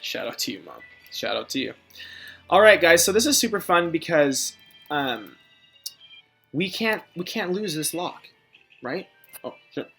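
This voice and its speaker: A woman's voice: low-pitched, very animated, a little slow, pauses often, a bit bright, breathy edge, soft background music. A young woman hosting a let's play, chatting playfully through a video game. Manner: chatty, playful, self-mocking. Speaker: gaming channel host.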